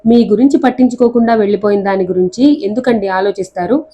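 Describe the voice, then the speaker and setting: A woman's voice: mid-range voice, fast, mellow, highs cut off, lightly acted. A woman voicing a reproachful, worried middle-aged wife in a storybook reading.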